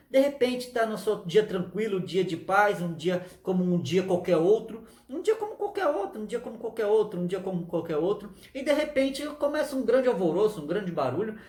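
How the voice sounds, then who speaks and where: A man's voice: high voice, lively intonation, a little fast, darkish tone, reverberant. A man preaching a sermon, retelling a story with emphatic repetition and calls of aleluia.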